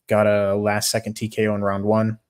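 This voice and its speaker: A man's voice: on the low side, monotone, a little fast, a little mellow, smooth. A tired young man casually chatting on a livestream, giving fight picks, swearing now and then and greeting viewers by name. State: tired, yawning.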